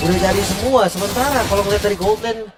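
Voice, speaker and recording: A man's voice: high voice, quick pace. A man with an Indonesian accent giving live esports commentary in casual slang mixed with English gaming terms. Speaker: esports caster. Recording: loud music behind voice.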